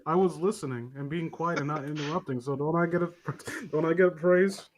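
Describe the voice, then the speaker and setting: A man's voice: on the high side, fairly quick, a loud crowd. A man bantering and joking in a casual podcast chat. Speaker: podcast co-host.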